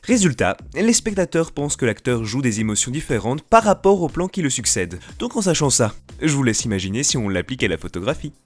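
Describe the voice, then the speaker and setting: A man's voice: mid-range voice, very animated, a little fast, hardly any pauses, faint music behind. A man giving a comedic educational voice-over, with mocking asides. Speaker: voice-over narrator.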